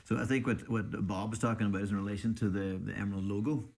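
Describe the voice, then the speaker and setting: A man with a fairly low voice talks as a podcast co-host. His delivery is unscripted and chatty, with hesitant pauses and an appreciative tone as he reads things out. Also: steady tone, vocal fry, a little mellow. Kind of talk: casual unscripted chat, reading out listener suggestions.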